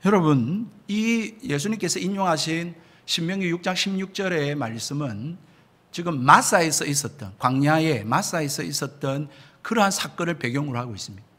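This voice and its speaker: A man's voice: fairly high pitch, expressive, moderate pace, fairly bright tone. A man preaching a sermon as pastor, emphatic, often addressing the congregation directly and asking rhetorical questions. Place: church sanctuary.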